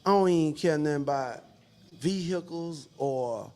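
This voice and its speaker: A man's voice: on the high side, moderate pace, darkish tone. A man, chatting casually and laid-back with plenty of slang and swearing. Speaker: podcast panelist. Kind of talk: casual chat.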